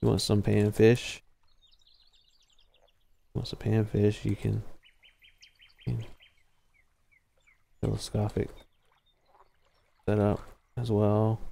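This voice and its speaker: During casual live gameplay commentary on a fishing game, a young man speaks into a headset mic in a fairly low, warm voice with vocal fry. He's monotone and slow, leaving long pauses, and keeps slipping into fillers and trailing thoughts.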